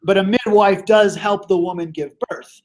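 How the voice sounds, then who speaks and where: A male teacher who is losing his voice, leading a casual classroom review with lots of fillers and throat clearing. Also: high voice, fairly even intonation, moderate pace.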